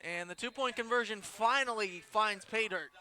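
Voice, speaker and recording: A young man giving play-by-play commentary on a high school football game, rising to excited calls on big plays. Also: moderate pace. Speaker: play-by-play announcer.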